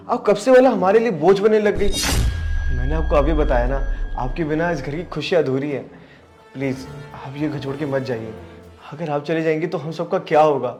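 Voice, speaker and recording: Young man acting an earnest, pleading younger brother, slightly high voice, faint music. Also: darkish tone, close to an everyday voice. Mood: apologetic. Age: young adult. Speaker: younger brother in a family skit. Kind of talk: scripted family drama skit.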